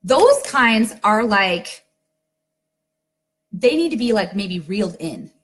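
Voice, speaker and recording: A woman's voice: medium pitch, slow pace. A woman leading a network marketing team, telling a garden story in a casual live-video talk, filling her speech with "like" and "okay?". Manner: chatty, lots of "like" and "okay?", animated storytelling.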